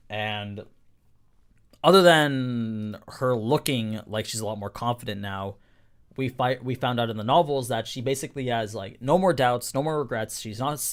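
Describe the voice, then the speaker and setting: A young man with a mid-range, slightly hoarse voice chats casually on a live stream. He reads the chat as he goes, rambling with fillers and restarting sentences.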